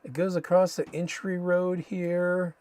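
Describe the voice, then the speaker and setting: A man's voice: high-pitched, level tone, unhurried, darkish tone, no room sound. American man thinking aloud, Spanish with American accent. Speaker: live stream host. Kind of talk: casual live stream commentary while reading maps.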